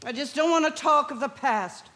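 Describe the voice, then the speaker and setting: An actress playing a resentful, unfaithful wife on stage, cold and defiant. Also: female voice, high-pitched, moderate pace, a bit bright. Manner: cold and defiant, turning tearful. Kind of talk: stage drama performance.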